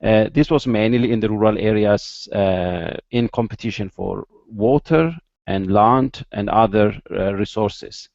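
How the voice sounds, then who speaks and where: Male interview guest from Ethiopia, low voice, measured and hesitant, dull dry call audio. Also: vocal fry, darkish tone, no echo. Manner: measured, many "uh" fillers, careful explanation. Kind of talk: interview, explaining background. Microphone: video call.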